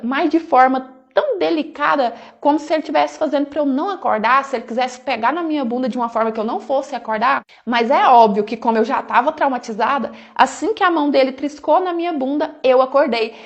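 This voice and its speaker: A woman's voice: high-pitched, highs cut off. A woman with a Brazilian Portuguese accent telling a personal story in a casual, chatty first-person storytime style, often tossing in conversational fillers. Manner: chatty, conversational, often adds "né" and "falou assim".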